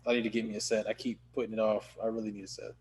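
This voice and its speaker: A man's voice: fairly low pitch, monotone, rapid-fire, a little mellow, a little hiss or hum. A man in his twenties, a guest on a casual podcast, laid-back with short replies and laughter. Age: 20s. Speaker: guest video producer.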